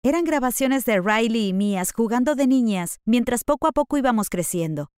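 A woman's voice: on the high side, expressive, brisk, a little mellow, clean tone, dry recording, clean studio sound. A woman reading a first-person story aloud in a scripted, dramatic storytelling manner. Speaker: narrator.

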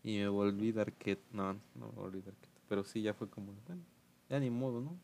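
A man's voice: on the low side, a little fast, vocal fry, darkish tone. Young Mexican man, podcast host, casual storyteller who does voices for quotes. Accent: Mexican Spanish. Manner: slangy, laughing, acts out quotes in raised voices.

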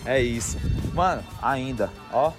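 A man's voice: mid-range voice, animated, measured pace. A man with a Brazilian accent hosting a podcast, chatting casually and peppering his talk with slang tags. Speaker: podcast host. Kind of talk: casual slangy chat and sign-off. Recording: music playing behind the voice.

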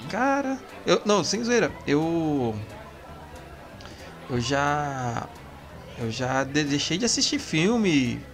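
A Brazilian man in casual podcast chat, rambling in a relaxed, slangy way. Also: a little high, takes it slowly, pauses often, faint music behind. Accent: Brazilian Portuguese.

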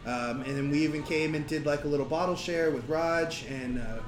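A man with a fairly high voice hosts a laid-out casual podcast chat. The space around him is strongly echoey, and music is clearly playing behind him. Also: fairly quick. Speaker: podcast host. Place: brewery, recording on location.

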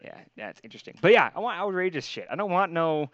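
A man's voice: high voice, very animated, fast, a bit bright, lo-fi sound. A man hosting a podcast in casual chat, rambling, laughing and swearing casually. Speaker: podcast host.

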